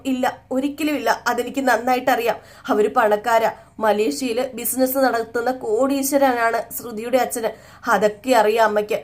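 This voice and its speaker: A woman's voice: a little high, close to an everyday voice. A woman voicing a young wife who pours out her hurt over her family's humiliation. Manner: aggrieved, tearful pleading.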